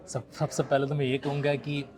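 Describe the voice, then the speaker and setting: A man's voice: medium pitch, monotone, moderate pace, a little mellow. A man in his thirties from Rajasthan, telling the story of his struggles in a casual, respectful conversation. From Rajasthan, India. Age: 30s. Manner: respectful, frequently addresses the other as sir. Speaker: law educator.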